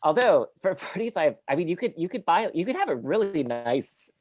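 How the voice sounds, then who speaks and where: A woman's voice: fairly low pitch, sing-song, moderate pace, a little mellow. A woman hosting a reading series on a video call, chatting playfully with many restarts. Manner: playful, rambling, stumbles over restarts. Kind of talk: casual chat.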